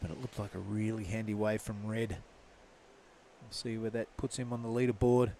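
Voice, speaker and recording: A man's voice: lowish voice, little pitch movement, moderate pace, dark tone, slight background noise. A man giving live surf contest commentary in a laid-back, casual surfer announcer manner.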